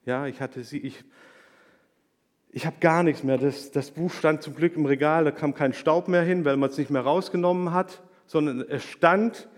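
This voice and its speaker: Brief: male church testimony speaker, somewhat high voice, confessional, swings between hushed and loud, handheld mic in a long-reverb hall. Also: normal speed. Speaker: church member giving a testimony. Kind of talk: emotional sermon testimony. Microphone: handheld microphone.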